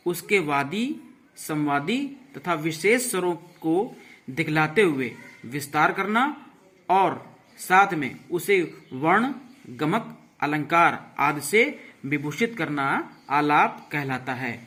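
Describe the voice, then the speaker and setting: A man with a fairly high, pushed and bright voice teaches a music lesson online, explaining rhythm and counting beats aloud. He recites tabla syllables slowly and checks in often with "thik hai."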